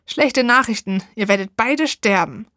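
A woman voicing a furious, spiteful old witch in a storybook reading, shrill and shouting in rage. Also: animated, unhurried, no room sound, studio quality. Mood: gloating.

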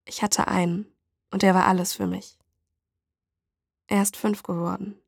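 A woman voicing an exhausted, despairing young mother who speaks in a quiet, brittle, formal way. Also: medium pitch, level tone, a little slow, vocal fry, husky, no echo, studio quality. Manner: fragile, quiet, formal address.

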